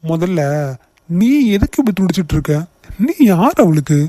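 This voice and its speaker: Brief: man playing a nasty cartoon bully, high yet mellow, sneering, dry close sound. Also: sing-song, normal speed, no echo. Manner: sneering, insulting. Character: young male bully brother, rude and threatening. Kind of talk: cartoon voice acting.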